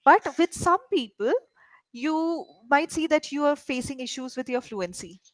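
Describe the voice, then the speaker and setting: Indian woman english coach, highish voice, encouraging, keeps asking right?, dry sound. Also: expressive, a little slow, no echo, rough recording. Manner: encouraging, explains with frequent "right?" checks. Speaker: English tutor. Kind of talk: one-on-one spoken English coaching.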